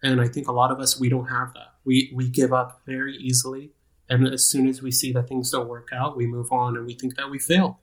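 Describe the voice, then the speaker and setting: A man's voice: medium pitch, monotone, fairly quick. A man in his thirties, a guest on an interview podcast, talking casually in a rambling, self-deprecating way with frequent restarts. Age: 30s. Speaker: guest, nonprofit program manager.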